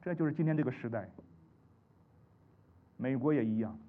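Man, pastor, sermon, animated emphatic delivery, dull lo-fi recording. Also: moderate pace. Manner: animated, rising to high emphatic peaks.

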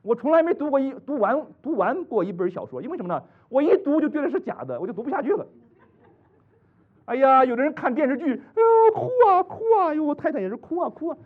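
A man from China preaching a sermon, full of rhetorical questions, swinging between loud exclamations and hushed asides. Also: extremely high pitch, sing-song, fast, slightly rough. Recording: tinny phone-like recording.

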